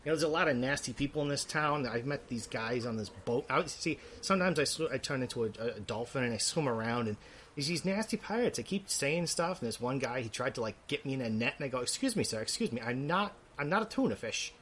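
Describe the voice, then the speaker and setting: A man's voice: medium pitch, lively intonation, fast talker, a bit bright, slight background noise, close to an everyday voice. A man voicing a chatty, rambling old male brass dragon who is fussy and easily offended.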